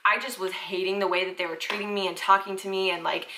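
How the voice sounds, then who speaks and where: Bright-voiced young woman vlogging. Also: mid-range voice, steady tone, quick pace, slight background noise, rough recording. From Southern United States. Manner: chatty, fills talk with "like" and "freaking". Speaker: parenting vlogger. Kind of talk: casual storytelling to camera.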